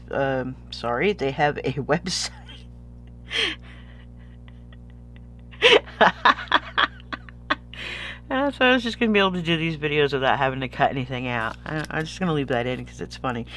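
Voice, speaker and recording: A man's voice: medium pitch, expressive, brisk, a bit bright, slight background noise. A sniffly man chatting casually as a vlogger unboxing purchases, rambling and easily losing his thread. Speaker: vlogger showing stationery purchases.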